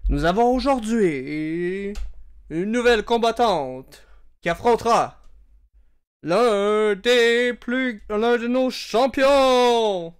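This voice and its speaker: A man voicing a male ring announcer in a tabletop game, drawing out each word slowly. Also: high-pitched, clear, resonant tone, pitched above the performer's own voice. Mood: hyped. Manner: slow, drawn-out announcing.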